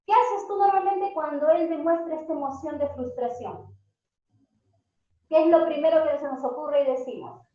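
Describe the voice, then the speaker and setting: A woman with a high voice speaks to a group of parents. She keeps asking them questions and slows right down on the words she wants to stress. The recording is very echoey and dull, as if picked up in a bare room on a low-grade mic. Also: warm tone. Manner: asks the audience many questions. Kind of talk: talk to parents.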